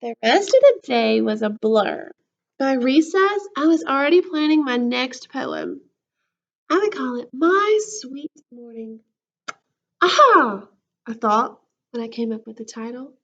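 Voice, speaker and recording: A woman with a high-pitched voice reads a children's story aloud, expressive and animated like a school counselor with a class. She's unhurried, and the highs are cut off.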